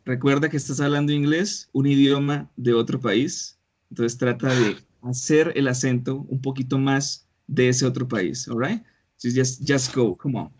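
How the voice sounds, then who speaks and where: A man leads an online English lesson over a video call, correcting a student's pronunciation. He coaches in a mix of Spanish and English, at an ordinary pitch. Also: steady tone, a little slow. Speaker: English teacher. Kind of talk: online English class feedback.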